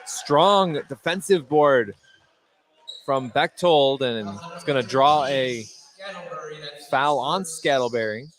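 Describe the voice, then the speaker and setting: In a low-quality recording with crowd noise, a man of mid-range pitch gives slow, frequently paused live radio play-by-play of a basketball game. He's inside a gym, where bouncing balls and gym ambience are clearly audible.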